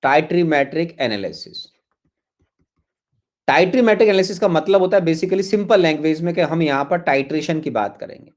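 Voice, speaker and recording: A man's voice: on the high side, steady tone, a little fast, hardly any pauses, a little mellow. A man teaching chemistry in an online class, coaxing his students, repeating himself and calling them his children.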